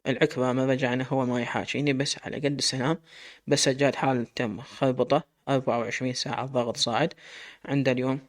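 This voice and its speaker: A man's voice: medium pitch, flat delivery, fast. A man with an Iraqi Arabic accent telling a dramatic story in first person, emotional and full of quoted dialogue.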